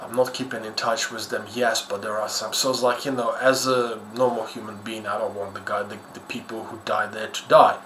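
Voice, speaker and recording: Speaking fairly quickly with hardly any pauses, a Ukrainian YouTuber host delivers casual, off-the-cuff commentary in a flat, fairly low but fairly bright voice. His Ukrainian accent comes through as he rambles hesitantly, blunt and self-deprecating. Faint background noise fills the echoey room.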